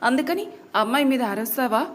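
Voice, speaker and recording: A woman voicing a gentle middle-aged father who dotes on his daughter in a storybook tale, soothing and indulgent. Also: high voice, animated, fairly quick. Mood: defending.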